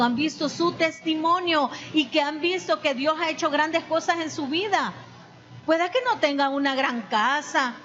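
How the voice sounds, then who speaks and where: A woman preaching a sermon, deliberate and emphatic, repeating exhortations. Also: high voice, a bit bright, dull audio, a little hiss or hum. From El Salvador.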